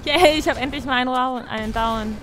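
A woman's voice: high-pitched, a little fast, fairly bright tone, soft background music. A woman playing a co-op video game, cheerful, reading game text aloud. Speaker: co-op gaming partner. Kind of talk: casual co-op gaming chat.

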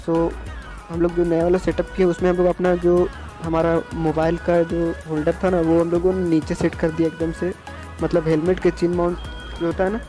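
His voice is on the high side and mellow: a young man from India narrating a casual moto vlog outdoors on a scooter in road traffic. He's chatty and rambling, repeats himself, and records on a phone attached to his helmet's chin mount.

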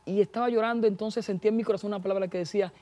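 High-voiced man giving an earnest testimony. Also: steady tone, rapid-fire, warm tone. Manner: earnest preaching tone, addresses listeners as brothers. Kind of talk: personal faith testimony.

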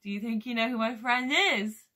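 A woman with a British accent leading a music lesson for toddlers, singing and telling a story in a slow, exaggerated way. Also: a little high, sharp tone. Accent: British English. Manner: sing-song, slow and exaggerated for small children. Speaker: children's music teacher. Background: guitar music.

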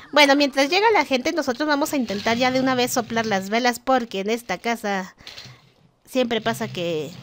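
Young woman, gaming vlogger, high bright register, chatty and teasing commentary. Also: slight background noise. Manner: chatty, exasperated, jokes with game characters. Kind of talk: casual gameplay commentary.

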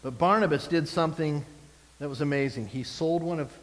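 A man's voice: fairly high pitch, fairly quick, big-room sound, poor audio. A male pastor giving a sermon, preaching expressively and asking the congregation rhetorical questions.

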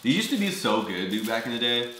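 Fast-talking slangy young man. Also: mid-range voice, very animated. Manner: slangy, laid-back, says yo and man. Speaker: vlogger. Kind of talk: casual snack taste-test chat. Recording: echoey room, faint noise.

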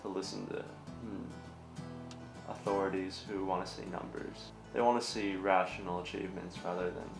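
Young man, deep gravelly voice, sarcastic documentary interview, roomy echo, faint music behind. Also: flat delivery, moderate pace. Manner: dry, sarcastic humor. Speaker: student interviewee.

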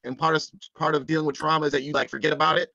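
A man's voice: fairly high pitch, little pitch movement, rapid-fire, creaky, sharp tone, dry recording, muffled recording. A man in a casual group chat, telling stories earnestly and emotionally. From United States. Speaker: podcast panelist.

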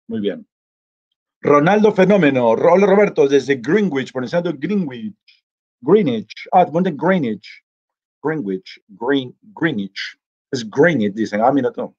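A man's voice: on the high side, dark tone. Chatty man on a muffled stream. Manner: chatty and easygoing, reads greetings aloud and answers them. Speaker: vlogger hosting a live chat contest. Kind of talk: casual live-stream chat, reading out viewer comments.

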